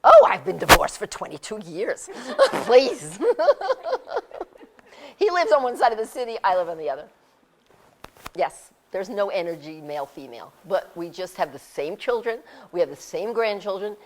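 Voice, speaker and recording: Lively laughing woman in her sixties. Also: medium pitch, moderate pace. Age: 60s. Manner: animated, laughs often, acts out quotes. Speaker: speaker sharing her experience. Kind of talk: casual storytelling talk. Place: community center hall.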